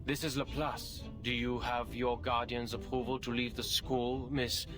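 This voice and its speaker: A laid-back, sarcastic researcher, played by a man in a game. He sounds dry and mocking, with mid-range pitch. Soft music plays faintly behind him. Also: little pitch movement, a little slow, natural voice. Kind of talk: game voice acting.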